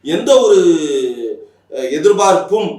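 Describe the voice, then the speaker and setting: A man's voice: high-pitched, expressive, slow, darkish tone. Angry man ranting, echoey and distant. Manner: angry, mocking, emphatic. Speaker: political commentator. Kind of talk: heated political rant to camera.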